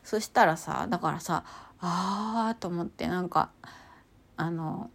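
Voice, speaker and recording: A woman talking casually and chattily about her walks and inner experiences, with many fillers and sudden excited outbursts. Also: measured pace, gravelly, breathy edge. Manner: chatty, animated, bursts into high excited exclamations; many fillers, lots of sentence-final さ. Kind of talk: casual spiritual chat.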